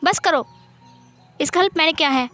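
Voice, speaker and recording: Woman voicing a calm, firm elder brother. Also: sits high, moderate pace, soft background music.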